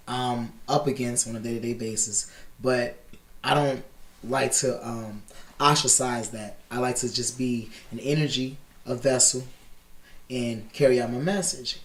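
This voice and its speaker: A man in his thirties from Chicago, a podcast guest talking candidly in a relaxed interview. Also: medium pitch, roomy sound. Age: 30s. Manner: candid and animated, often says "you know what I'm saying". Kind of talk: casual interview talk.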